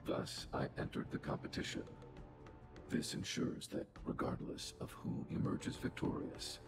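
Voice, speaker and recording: An actor playing an old, outdated robot in a video game, calm and coldly logical, speaking formally through a robotic filter. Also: male voice, measured pace. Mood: solemn, analytical. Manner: formal, literal, calculating speech. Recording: loud game music behind. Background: game music.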